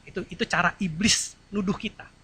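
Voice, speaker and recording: A male pastor preaching a sermon in a church, lively and animated, acting out quoted voices. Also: high voice, brisk, husky. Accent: Indonesian.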